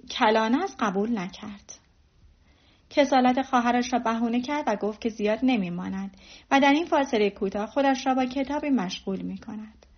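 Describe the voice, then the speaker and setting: Lady reading a classic novel aloud, high voice, kinda muffled lo-fi audio. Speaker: audiobook narrator. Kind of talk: storybook reading. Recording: dull lo-fi recording.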